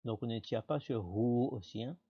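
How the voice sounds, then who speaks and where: A man giving a patient pronunciation lesson, saying each word slowly and then repeating it for the learner. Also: medium pitch, breathy edge, highs cut off. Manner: patient, models words slowly and repeats them. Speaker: teacher.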